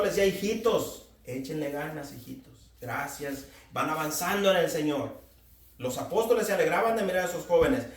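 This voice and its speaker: A man in his forties delivers a sermon in a fairly high voice, exhorting his listeners and addressing them directly. He stands some way from the microphone, and the room rings with echo. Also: recorded from a distance. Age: 40s. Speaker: preacher.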